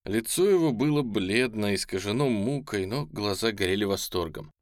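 Expressive male audiobook narrator. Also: lowish voice, moderate pace, dry recording, clean studio sound. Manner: expressive storytelling.

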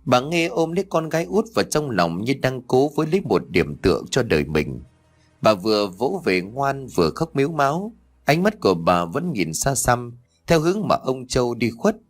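Expressive male story narrator. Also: mid-range voice, normal speed. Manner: expressive, dramatic.

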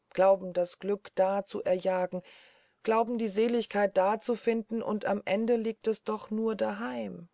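A woman's voice: medium pitch, vocal fry, mellow, no room sound, clean studio sound. A woman voicing a gloomy, dreamy male assistant in a storybook reading, musing and darkly wistful.

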